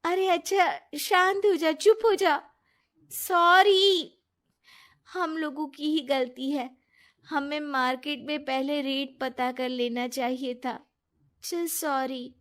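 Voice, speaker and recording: A kind, trusting young woman from a storybook tale, as a woman narrator puts her on. She speaks slowly in a fairly high voice. She is lively and soothing with a friend.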